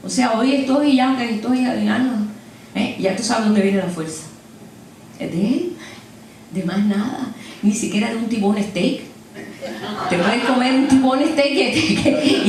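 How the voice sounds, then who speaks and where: An older woman preaching a sermon in a lively, animated way, acting out quotes and laughing at her own jokes. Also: fairly high pitch. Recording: echoey church hall, distant mic, faint noise.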